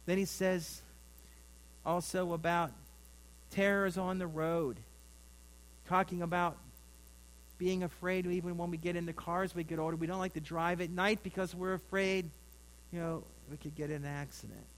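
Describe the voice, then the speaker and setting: A man's voice: high-pitched, level tone, moderate pace, pauses often, rough recording. A middle-aged man preaching a sermon in a folksy, rambling way, with asides to his congregation. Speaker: pastor.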